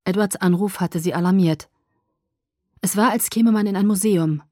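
A woman reading a first-person novel in calm, even scripted narration. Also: medium pitch, normal speed, no echo, studio quality. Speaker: audiobook narrator.

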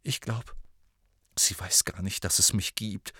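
A man voicing a lovesick teenage boy wizard for a storybook, in a breathy whisper when smitten and high shouting when furious. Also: fairly even intonation, unhurried, no echo, clean studio sound, heavily acted. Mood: lovestruck whisper.

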